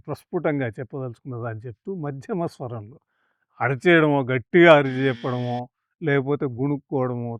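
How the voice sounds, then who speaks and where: A man giving a calm, measured lecture that explains scripture, chanting the verses slowly. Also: mid-range voice, no echo, lo-fi sound. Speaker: spiritual teacher.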